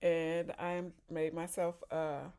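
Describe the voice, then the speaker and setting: A woman's voice: fairly low pitch, little pitch movement, slow pace, warm tone, clear, resonant tone. A woman from Chicago chatting casually in a vlog, talking while eating and sipping a drink. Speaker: vlogger. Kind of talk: casual chat.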